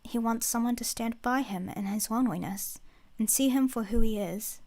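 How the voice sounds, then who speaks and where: A woman's voice: a little high, normal speed, darkish tone, close to an everyday voice. A woman voicing a humble, earnest farmer in a storybook tale told aloud. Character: humble, earnest male farmer making a kind offer.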